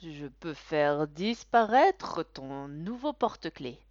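A woman voicing an eerie, calm magical clown who speaks slowly and deliberately. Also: low-pitched, no room sound, full character voice. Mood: teasing. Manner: slow, drawn-out and deliberate. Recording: dull, dry recording.

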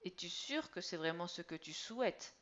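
A tense middle-aged father who bites off his words to keep from shouting, as a woman storyteller voices him. His speech is clipped and tightly controlled. The recording sounds slightly dull. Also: lowish voice, animated, normal speed. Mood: cautious. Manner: clipped, holding back anger.

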